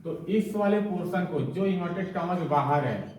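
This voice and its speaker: A man's voice: high-pitched, moderate pace, darkish tone, distant mic, a little hiss or hum. A male teacher giving a classroom grammar lesson, asking questions and answering them himself. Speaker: English teacher. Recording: echoey room, voice from afar.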